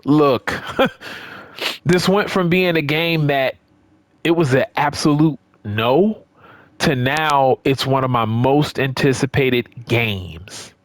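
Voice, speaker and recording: Slow and mid-range, this man's voice comes through with no echo as he riffs off the cuff to his gaming channel's audience. He's emphatic, repeats phrases for emphasis, and keeps checking in with whoever's watching.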